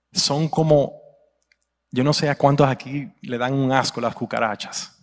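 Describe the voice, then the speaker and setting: A man preaching to a congregation, mixing humor and storytelling with loud, emphatic peaks. His voice sits at an ordinary middle pitch. The sound carries a long hall reverb. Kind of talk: sermon. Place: church sanctuary.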